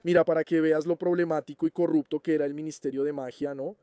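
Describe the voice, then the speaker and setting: A man's voice: a little high, fairly even intonation, fast talker, mellow, smooth, no echo. A man hosting a fan channel, casually answering viewer questions and checking in with the listener as he explains. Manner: chatty, keeps checking in with the listener.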